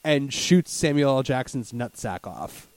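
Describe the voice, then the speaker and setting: A man co-hosting a casual movie review podcast, animated and crude-humored, often searching for words. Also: medium pitch, a little slow, no room sound. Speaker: podcast co-host.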